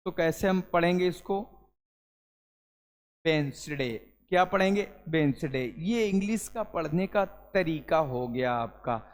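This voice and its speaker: High-voiced man teaching. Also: normal speed, hardly any pauses, big-room sound. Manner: addresses students as "beta", asks and answers his own questions. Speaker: English teacher. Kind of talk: classroom lesson to students.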